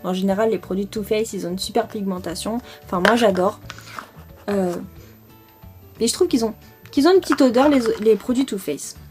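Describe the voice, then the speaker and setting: A woman's voice: mid-range voice, a little fast, a little mellow, faint music behind. A young French woman chatting casually through a makeup product review, enthusiastic and full of fillers. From France. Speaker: beauty vlogger.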